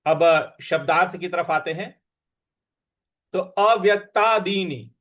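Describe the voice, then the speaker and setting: A man leads a slow recitation lesson, breaking each word into syllables and marking where the stress falls. His voice sits fairly high for a man. He chants the lines unhurriedly between plain explanations. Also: fairly bright tone. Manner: spells out syllables and stresses patiently, chants verses. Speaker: Sanskrit scripture teacher.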